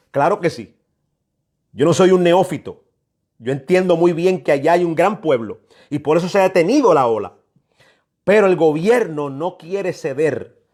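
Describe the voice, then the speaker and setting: Preaching a prophetic exhortation, a New York man speaks with a fairly high pitch and darkish tone. He is emphatic and admonishing, frequently repeating phrases for weight.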